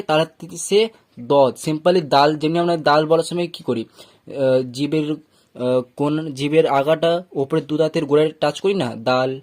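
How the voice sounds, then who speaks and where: Guy teaching quran letter sounds, slow careful repeats, patient explainer. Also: a little high, a little mellow. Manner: patient, explanatory, slowly repeats drilled syllables. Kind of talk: recorded lesson on Arabic letter sounds.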